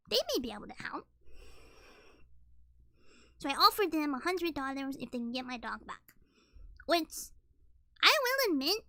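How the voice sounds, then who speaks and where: High, bright young woman streamer. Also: no echo. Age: early 20s. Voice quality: slightly scratchy voice. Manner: rambling, many ums and likes. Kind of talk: casual livestream chat.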